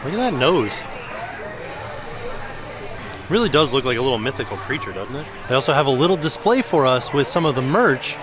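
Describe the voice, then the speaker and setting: A man's voice: medium pitch, big pitch swings, brisk, long pauses. A man chatting casually and enthusiastically as he vlogs a food and merch review. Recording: loud music and busy outdoor crowd behind. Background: loud music, crowd.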